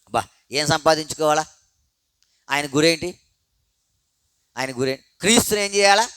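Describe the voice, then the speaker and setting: A man with a high, smooth, resonant voice preaches to a prayer meeting through a handheld microphone. He fires rhetorical questions and answers them himself, swinging from loud emphasis to quiet low asides. The sound is dry and close. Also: lively intonation, moderate pace, dry recording. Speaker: pastor. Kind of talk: sermon.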